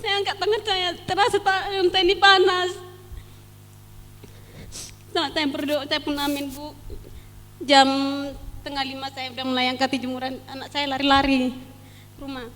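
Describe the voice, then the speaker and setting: A woman's voice: high voice, flat delivery, moderate pace, long pauses, fairly bright tone, long reverb tail. A woman giving a fervent, pleading church testimony, sometimes near tears. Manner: fervent, pleading, at times tearful.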